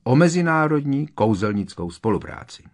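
A man's voice: medium pitch, big pitch swings, voice pushed up. A man voicing a pompous, self-important young wizard in an audiobook reading.

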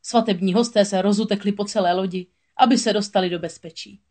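Woman reading a kids' fairy tale, steady, medium voice. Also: medium pitch. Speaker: storyteller. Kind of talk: storybook read-aloud narration.

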